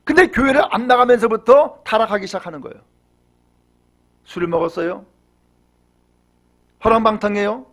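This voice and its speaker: A male pastor preaching a Sunday sermon in church, moving between hushed storytelling and raised, fervent exhortation, with rhetorical questions to the congregation. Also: high voice, moderate pace, pauses often. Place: church during Sunday service.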